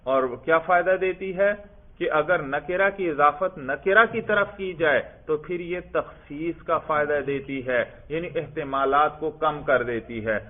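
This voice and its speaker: Male teacher, grammar lesson, quizzes then answers himself, narrow phone-like sound. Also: a little high. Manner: asks questions and answers them himself. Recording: tinny phone-like lecture recording.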